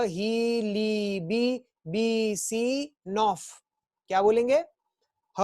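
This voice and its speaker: A male school teacher giving an online chemistry class, coaxing students and chanting memory rhymes slowly and repeatedly. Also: high voice, a little mellow, dry recording, clean studio sound.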